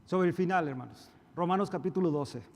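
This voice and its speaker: A male pastor preaches in a fairly high voice. He is emphatic, acting out quarrels in a raised voice, then dropping to quiet asides. The sound carries a long reverb from the church hall. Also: fairly quick. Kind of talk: sermon.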